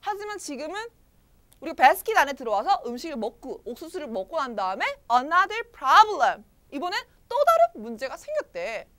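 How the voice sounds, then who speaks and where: A woman leads a children's storybook English lesson with a high, lively, sing-song voice. She keeps asking her young listeners questions as she explains. Her tone is bright and ringing. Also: normal speed.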